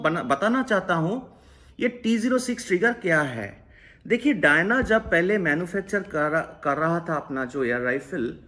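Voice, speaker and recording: A man's voice: high-pitched, a bit bright, reverberant. A man reviewing an air rifle, explaining its trigger mechanism step by step and mixing English technical terms into his talk.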